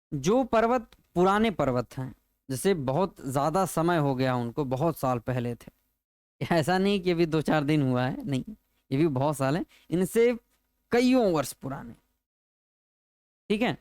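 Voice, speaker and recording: Slow, drilling male teacher. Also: fairly high pitch, a little mellow, smooth, dry recording. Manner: drills points by repeating them as questions to students; slow, repetitive explaining. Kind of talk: exam-prep geography lesson.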